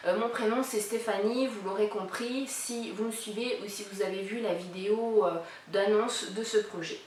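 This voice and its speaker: Answering questions from a tag, this thirty-something YouTuber chats casually and fills her speech with fillers while presenting a collab channel. She speaks at medium pitch with fairly even intonation and a moderate pace, sounding a little mellow. Slight background noise, an echoey room, and a somewhat distant mic mark the recording.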